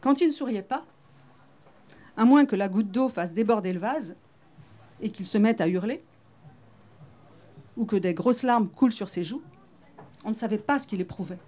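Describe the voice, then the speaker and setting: A woman author reads her novel aloud at a bookshop in a measured, understated way. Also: medium pitch, animated, a little mellow.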